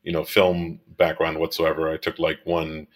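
Deep-voiced guy from miami in his 30s, photographer, chatty and rambly, lots of um and you know. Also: completely flat delivery, normal speed. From Miami, United States. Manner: rambling, many fillers and restarts, laughs easily. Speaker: guest, commercial photographer and director. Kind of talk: casual interview conversation.

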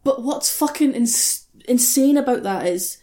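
A woman's voice: high-pitched, expressive, measured pace, mellow. A woman hosting a podcast discussion, speaking emphatically and passionately, with plenty of swearing. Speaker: podcast host. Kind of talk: impassioned opinionated podcast discussion.

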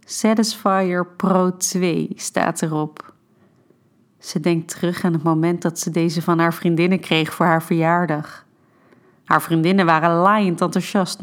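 A woman narrating an erotic short story in a calm, intimate storytelling manner. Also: lowish voice.

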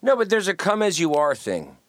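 A man's voice: sits high, brisk, dry recording, clean studio sound. A man talking as a guest musician in a casual interview, rambling and restarting as he tells stories. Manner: relaxed, rambling storyteller with many restarts.

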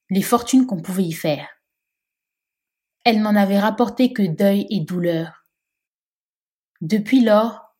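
A woman with a husky voice, narrating a novel in a measured, expressive way. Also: mid-range voice.

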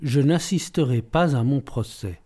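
A man voicing a suave, ironic gentleman thief who talks in a playful, teasing, self-assured way in an audiobook. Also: medium pitch, measured pace, husky. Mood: mocking.

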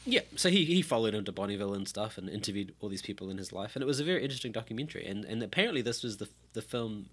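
A man's voice: lowish voice, animated, racing, hardly any pauses, fairly bright tone, slightly rough. A man co-hosting a casual film podcast, rambling through tangents and laughing often. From New Zealand. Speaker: podcast co-host.

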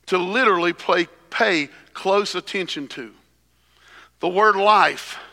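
High-voiced preacher at a pulpit microphone. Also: male voice, bright, forceful tone. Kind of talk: sermon. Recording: long hall reverb.

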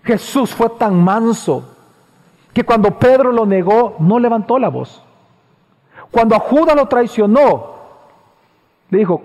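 Male pastor, high voice, sermon in a church hall with long reverb; repeats lines for emphasis, loud-to-hushed swings. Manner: preaching with sharp swings between loud high passages and low hushed ones.

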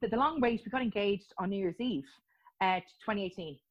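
In a casual interview chat, an Irish woman talks openly about how her wedding plans were put off, laughing often and frequently starting over. She has a mid-range voice and a fairly quick pace, and the recording sounds muffled.

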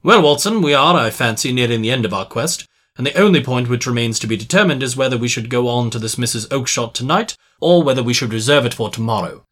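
Shrewd gentleman sleuth, played by a man; measured, dryly confident delivery. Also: medium pitch, natural voice. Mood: musing. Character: calm, shrewd gentleman detective.

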